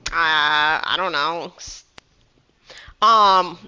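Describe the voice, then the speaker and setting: A woman's voice: low voice, very slow, sharp tone, clear, resonant tone. A woman playing a tabletop game, chatty and laughing often. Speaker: player.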